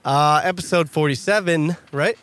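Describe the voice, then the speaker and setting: A man's voice: a little high, moderate pace, a bit bright. Laid-back young male podcast co-host. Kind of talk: casual chat.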